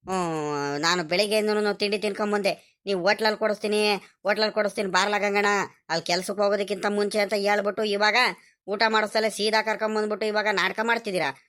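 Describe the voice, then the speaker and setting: A woman voicing a cheeky, hungry village farmhand who whines and complains, for an animated cartoon. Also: medium pitch, close to an everyday voice. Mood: whiny. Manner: whiny, complaining, drawn-out pleading.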